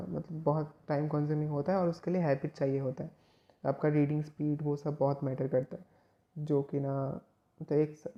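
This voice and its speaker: A man's voice: fairly high pitch, dull audio. A man from West Bengal, a chemistry tutor giving casual, rambling study advice to students, with frequent restarts. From West Bengal, India.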